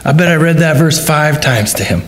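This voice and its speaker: A man's voice: fairly high pitch, expressive, normal speed, fairly bright tone, a little hiss or hum. A middle-aged man, a pastor, preaching at a funeral service in a church, telling a story earnestly and voicing the dialogue in shifting tones. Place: church sanctuary.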